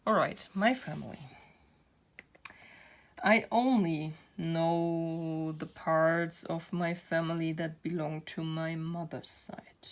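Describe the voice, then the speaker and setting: Slow gravelly-voiced woman crafting and chatting. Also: low voice, steady tone. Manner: rambling, self-deprecating, laughs often. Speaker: craft channel host. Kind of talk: casual chat while crafting. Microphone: built-in camera mic.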